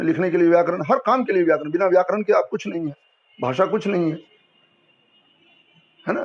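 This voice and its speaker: High-pitched guy teaching a hindi lesson, keeps asking "right?" and answering himself, kinda dull muffled audio. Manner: explanatory, asks and answers own questions, frequent "है ना?". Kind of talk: spoken lesson to students. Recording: dull lo-fi sound.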